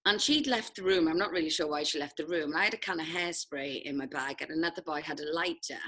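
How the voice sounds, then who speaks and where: This South Walian interviewee, a head of sixth form, talks quickly in a low, husky voice with a fairly bright tone. She recalls her school days in a relaxed chat, frequently laughing and poking fun at herself.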